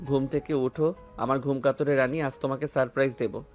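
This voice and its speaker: In a romantic audio drama, a man voices a loving, playful young husband, tender and teasing, over soft background music. His medium-pitched voice sounds natural and steady, and he talks at a brisk clip.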